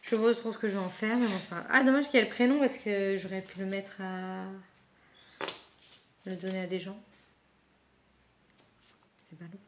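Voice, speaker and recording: A woman's voice: medium pitch, steady tone, moderate pace, pauses often, noisy background. A woman vlogging casually as she unboxes a book subscription box, chatty and thinking aloud with frequent asides.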